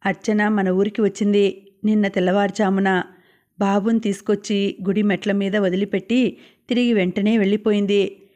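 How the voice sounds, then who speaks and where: A woman voicing a stern, aging village father who speaks in a measured, grave way. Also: medium pitch, level tone, warm tone, close to an everyday voice.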